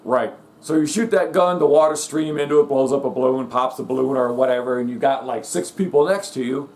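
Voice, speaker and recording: A man's voice: medium pitch, fairly quick, darkish tone. A middle-aged man from the United States delivering a blunt, emphatic rant, repeatedly asking "okay?" and "guess what?". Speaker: vlogger. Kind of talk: ranting monologue.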